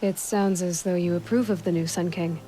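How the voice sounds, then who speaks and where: A woman's voice: on the low side, fairly even intonation, normal speed, dark tone, a little hiss or hum, natural voice. A woman playing a blunt, skeptical young warrior. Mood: skeptical direct.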